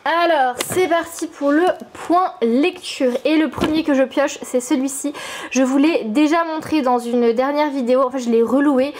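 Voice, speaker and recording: A woman's voice: high-pitched, fairly even intonation, normal speed, a little hiss or hum. A young woman from France vlogging casually from her apartment, chatty and enthusiastic, with frequent fillers.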